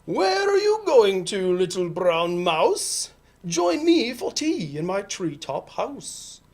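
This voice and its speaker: A woman's voice: medium pitch, very animated, slow pace, darkish tone, voice pushed up, heavily acted. A woman voicing a predatory, falsely courteous owl that scares easily, in a picture-book read-aloud. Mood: luring. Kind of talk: animated picture-book character reading.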